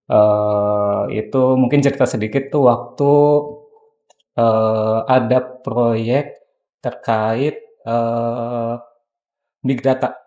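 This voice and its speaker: A man's voice: mid-range voice, steady tone, drawn-out words, long pauses, dark tone, echoey room. Hesitant man in his thirties. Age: 30s. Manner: hesitant, many fillers. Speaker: guest. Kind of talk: casual podcast chat.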